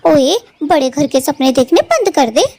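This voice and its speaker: A woman voicing a proud female bird in a cartoon who taunts and scolds in a shrill voice. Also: expressive, moderate pace, mellow, no room sound. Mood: scornful. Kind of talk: Hindi cartoon voice acting.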